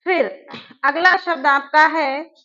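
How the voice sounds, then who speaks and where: A woman teaching an exam-prep spelling lesson, who asks her class questions and then answers them herself, repeating each word slowly. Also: sits high, bright, forceful tone, dull audio. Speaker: Hindi teacher.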